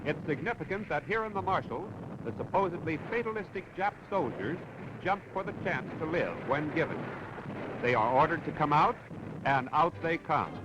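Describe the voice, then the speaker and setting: Expressive and a little high, this American man's voice moves at a moderate pace as he narrates a scripted wartime newsreel with dramatic 1940s declamation. The soundtrack is dull and very noisy, typical of a 1940s newsreel.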